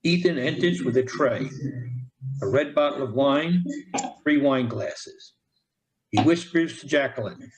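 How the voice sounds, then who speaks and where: A man reading the stage directions aloud in an amateur play, with a plain, even delivery. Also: mid-range voice, a little slow, long pauses, a little hiss or hum, poor audio. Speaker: narrator.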